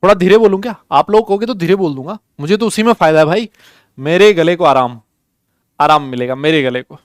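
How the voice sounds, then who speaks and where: A man's voice: high-pitched, animated, fast, dry recording. A young man teaching chemistry in a live online class, chatty and jokey, calling students beta as he runs polls.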